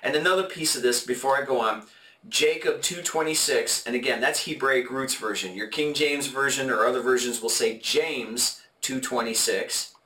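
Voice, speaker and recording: Halting man teaching a Bible study. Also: medium pitch, pushed and bright. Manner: halting and explanatory, many fillers and restarts. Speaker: podcast co-host leading a Bible study. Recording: echoey room, mic at a distance.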